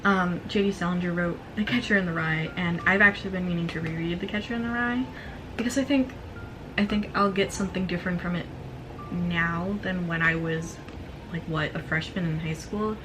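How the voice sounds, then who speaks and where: Chatty excitable woman with vocal fry. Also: on the low side, brisk, music in the background, low-quality recording. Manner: excitable, gushing asides. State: throat slightly strained. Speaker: book vlogger presenting a thrifted book haul. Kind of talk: casual chatty book haul.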